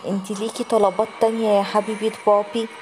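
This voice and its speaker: A creepy, temperamental man, as a woman narrator puts him on, speaking Egyptian Arabic in a raised, strained voice. He coaxes sweetly and then snaps. Loud background music runs under the horror story. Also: mid-range voice, level tone, fast, pitched above the performer's own voice, natural voice, poor audio. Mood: syrupy. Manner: switches between syrupy coaxing and snapping. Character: creepy middle-aged man, sinister, quick-tempered.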